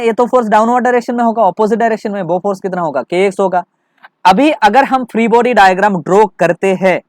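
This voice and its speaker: A man's voice: high-pitched, a little mellow, dry recording. A male physics teacher working through a problem for students, repeating his checks, asking rhetorical questions and mixing in English terms. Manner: mixes English terms into Hindi.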